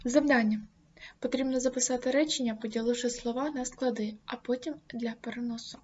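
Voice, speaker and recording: Slow, careful woman teacher. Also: steady tone, a little mellow, slightly rough. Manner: slow, deliberate over example words. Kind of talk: grammar lesson. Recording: dull low-fi recording, faint noise.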